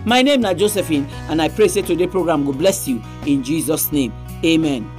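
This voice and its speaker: A woman's voice: low-pitched, brisk, darkish tone, soft background music. A woman with a Nigerian accent presenting a religious radio programme in Nigerian Pidgin. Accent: Nigerian, speaking Nigerian Pidgin.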